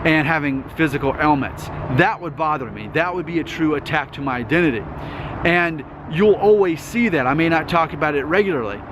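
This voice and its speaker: Traffic rumbles through this noisy outdoor clip of a YouTube host in his 30s. His voice is a little high and brisk, and in his earnest monologue to camera he repeats things and checks in with "okay?"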